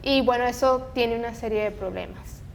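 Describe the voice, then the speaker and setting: A woman hosting a casual talk podcast, speaking in an earnest, opinionated way. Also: moderate pace. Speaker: podcast host. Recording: noisy, low rumble behind voice. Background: rumbling background noise.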